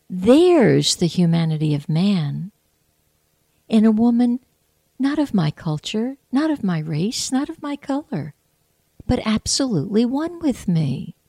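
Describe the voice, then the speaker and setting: A woman hosting a spiritual, inspirational talk, speaking in an earnest, heartfelt and measured way. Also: mid-range voice, warm tone, no room sound. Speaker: host.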